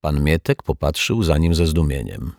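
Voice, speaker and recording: A man reading a children's story aloud in a lively, expressive way. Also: extremely low pitch, moderate pace, creaky, dry recording. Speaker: audiobook narrator. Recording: dry close recording.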